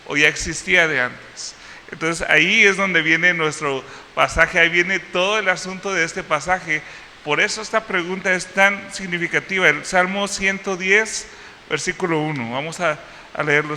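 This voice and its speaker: Bright-voiced pastor preaching in a hall. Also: male voice, high-pitched, a little hiss or hum. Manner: teaching verse by verse with frequent fillers and restarts. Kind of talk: sermon. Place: church hall.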